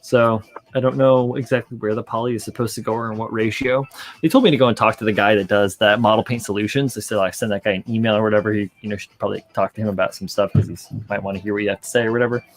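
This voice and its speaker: A man hosting a casual livestream chat, relaxed and rambling with many fillers, a little tired. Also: fairly low pitch, racing. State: yawning, tired. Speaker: streamer hosting a model-building stream.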